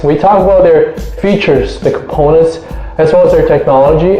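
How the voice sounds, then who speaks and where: A man with a mellow, somewhat high voice hosts a review show in an upbeat, enthusiastic presenting style. His delivery is scripted and eager. The room adds a clear echo, and soft music plays underneath. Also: dull audio. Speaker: host of a bike review show. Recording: roomy echo, faint music.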